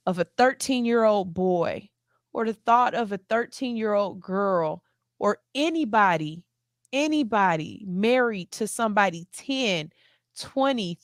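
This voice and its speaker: A woman's voice: mid-range voice, fairly bright tone, no echo, studio quality. A woman in her forties hosting a talk show, speaking earnestly and emphatically, often repeating herself. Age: 40s. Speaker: host. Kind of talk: heartfelt talk-show monologue.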